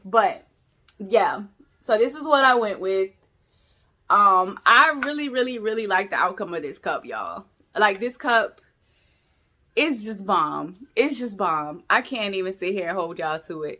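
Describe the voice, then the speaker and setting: A young woman chatting excitedly while making a crafting tutorial, calling viewers y'all. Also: a little high. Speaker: crafting vlogger. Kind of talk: casual crafting tutorial chat.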